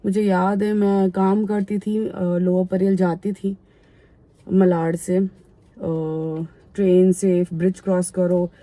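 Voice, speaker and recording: Brief: woman in her thirties, casual vlogger talking openly while unwell; voice on the mellow side. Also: on the low side, level tone, slow pace, no echo. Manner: frank, chatty, talks openly. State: unwell, feeling poorly. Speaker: family vlogger. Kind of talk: casual vlog chat.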